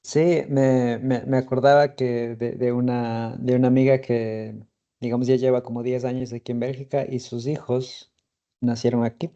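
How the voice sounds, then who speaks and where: Gravelly, mellow Ecuadorian man, thinking aloud. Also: mid-range voice, little pitch movement, moderate pace. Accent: Ecuadorian Spanish. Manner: reflective, hesitant, thinking aloud. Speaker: podcast co-host. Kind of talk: casual conversation. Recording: slightly dull lo-fi audio.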